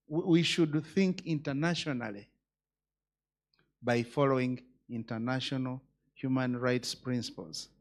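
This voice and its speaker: A man's voice: a little high, a little mellow. A man, a judge giving a speech at a conference, emphatic and full of rhetorical questions.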